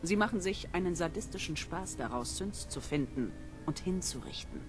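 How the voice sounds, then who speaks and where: Actress as resolute game resistance leader, deep female voice, deliberate and commanding, music clearly behind. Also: animated, natural voice. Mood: serious, resolute. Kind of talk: scripted game dialogue.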